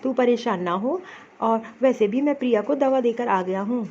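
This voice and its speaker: A woman's voice: a little high, normal speed, a little mellow, dull audio, slight background noise, lightly acted. A woman voicing a kindly, reassuring father who soothes his crying daughter in a cartoon story. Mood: soothing. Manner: coaxing, reassuring.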